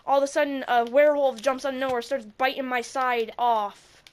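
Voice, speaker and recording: A woman's voice: high voice, fairly quick. A young woman co-hosting a casual podcast, telling a spooky story and acting out the quotes with yelps. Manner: animated, acts out quotes with yelps. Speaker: podcast co-host.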